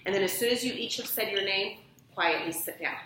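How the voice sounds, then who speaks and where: A woman's voice: mid-range voice, fairly quick, background noise. A woman teacher giving patient classroom instructions, prompting her pupils with questions. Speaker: elementary school teacher. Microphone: distant room mic. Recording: echoey classroom from far off.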